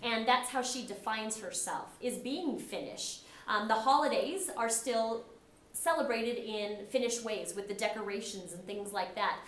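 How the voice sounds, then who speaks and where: A slightly high, fairly bright voice belongs to a middle-aged American woman teaching a class a little slowly and conversationally, often enacting quoted remarks. The recorded lecture has an echoey room and a little hiss or hum.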